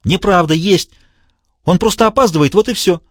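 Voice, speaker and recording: A man voicing a desperate, furious male villain who shouts in a high strained voice. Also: normal speed, dry recording, studio quality. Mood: frantic. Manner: shrill frantic shouting.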